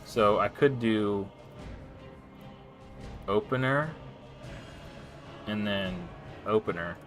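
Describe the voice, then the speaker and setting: A man's voice: lowish voice, lively intonation, very slow, soft background music. A man streaming live and casually commenting on his gameplay, rambling with frequent restarts and self-corrections. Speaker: game streamer.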